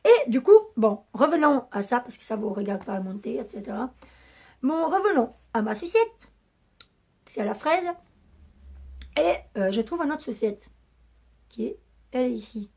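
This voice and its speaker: A woman vlogger with a raspy voice that is going hoarse, chatting to camera in a rambling way with many hesitations. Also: a little high, animated, a little slow, long pauses, darkish tone. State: losing her voice. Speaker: beauty vlogger. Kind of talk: casual chat to camera.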